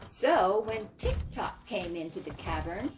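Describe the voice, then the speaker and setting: Slow, expressive woman reading a storybook. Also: medium pitch, a little hiss or hum. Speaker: storybook reader. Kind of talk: scripted storybook narration. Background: background music.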